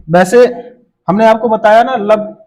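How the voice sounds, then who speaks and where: A man's voice: high voice, slow. A male teacher giving an exam-prep lesson, quizzing students with repeated questions and answering them himself, with jokey memory tricks and a drop on each answer.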